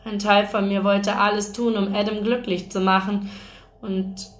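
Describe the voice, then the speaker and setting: A woman reading a first-person novel aloud in a calm, measured way. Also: mid-range voice. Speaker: audiobook reader. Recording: roomy echo.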